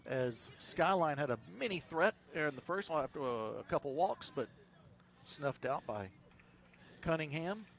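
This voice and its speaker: A man's voice: on the high side, a little slow. Chatty man calling a baseball game. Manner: lively, rises sharply on big plays; chatty, laughs with his partner. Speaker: play-by-play announcer. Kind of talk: baseball commentary.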